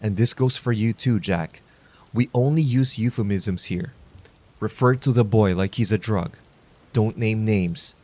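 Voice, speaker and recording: A man doing a hushed support-group leader. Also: on the low side, unhurried. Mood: warning.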